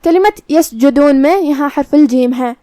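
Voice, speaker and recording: A woman teaching Quran recitation rules step by step, in a calm and methodical manner. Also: sits high, no echo. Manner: calm, methodical, explains each letter slowly. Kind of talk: step-by-step tajweed lesson.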